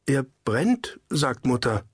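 A man voicing a shy, timid boy of about eight who answers hesitantly, in a husky voice. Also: medium pitch, big pitch swings, slow pace, no echo, studio quality, heavily acted.

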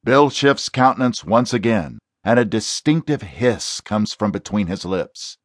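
A man's voice: fairly low pitch, no room sound. Man narrating an audiobook, dry sound. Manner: steady, measured storytelling. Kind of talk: scripted narration.

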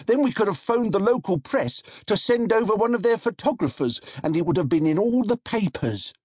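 A man voicing an excitable male market stallholder who gets carried away. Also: high voice, a little fast, slightly rough, no echo, clean studio sound, voice pushed up. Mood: eager.

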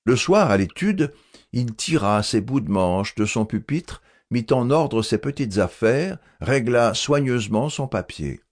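A man reading a classic novel aloud as an audiobook narrator, in a measured, expressive manner. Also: medium pitch.

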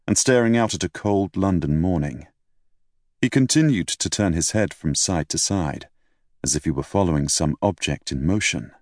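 A man narrating an audiobook in a measured, formal storytelling manner. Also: deep voice, a little mellow, dry recording, clean studio sound.

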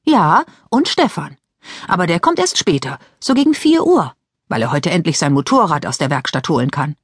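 A woman's voice: deep voice, very animated, normal speed, husky, no room sound, studio quality, full character voice. A woman voicing an emotional teenage girl in an audiobook, pleading and upset. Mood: defiant. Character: upset teenage girl, ballet dancer on crutches.

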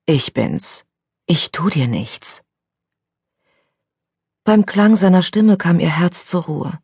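Woman narrating an audiobook, slow measured reading, husky gravelly tone, dry close sound. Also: fairly low pitch, dark tone, no room sound. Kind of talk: scripted narration.

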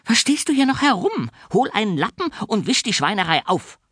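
A man voicing a cruel, shrill old orphanage matron who screeches insults at a boy. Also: very animated, a little fast, fairly bright tone, breathy edge, dry recording, clean studio sound. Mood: shrieking scolding.

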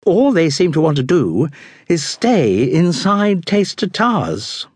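A man voicing a clever, brisk young aristocratic woman with quick upper-class slang. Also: on the high side, sing-song, husky, no echo, voice pushed up, exaggerated voice.

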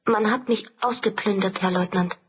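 A woman's voice: fairly even intonation, moderate pace, husky, highs cut off. A woman reading an audiobook, voicing a distressed young Spanish noblewoman who pleads for help in a raised, urgent voice. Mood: pleading. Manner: pleading, breathless, raised pitch.

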